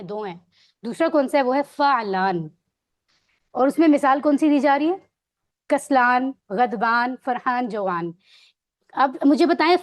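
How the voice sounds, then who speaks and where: A woman teaching a grammar lesson, patiently quizzing her students on words and mixing English words into her explanations. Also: high voice. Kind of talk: online Arabic grammar lesson.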